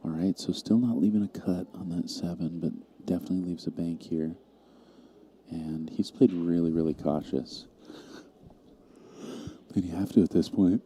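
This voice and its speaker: A man giving calm, analytical live commentary on a pool match, calling each shot. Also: low voice, normal speed, pauses often, slight background noise.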